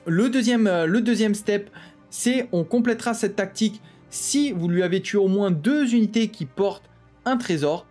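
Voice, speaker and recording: Guy quickly explaining game rules, lots of "euh"s and restarts, soft music in the background. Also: high voice. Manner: talks fast, with many "euh" fillers and restarts. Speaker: tabletop game channel host.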